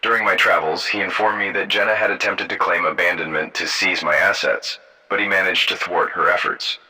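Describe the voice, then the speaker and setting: A man narrating a first-person story in a steady, measured way. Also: deep voice, low-quality recording.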